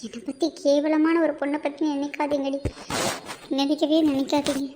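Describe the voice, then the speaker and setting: A woman's voice: high voice, steady tone, normal speed, background noise. A woman voicing a remorseful young pregnant wife in a cartoon, talking in a tearful, pleading, self-blaming way. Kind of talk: amateur cartoon voice acting.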